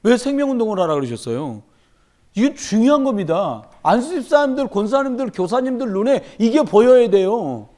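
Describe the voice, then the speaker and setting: A man's voice: very high-pitched, brisk. A man, a pastor, preaching a sermon in church at a midweek service, talking emphatically and telling stories with humor. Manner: animated, emphatic, storytelling with humor.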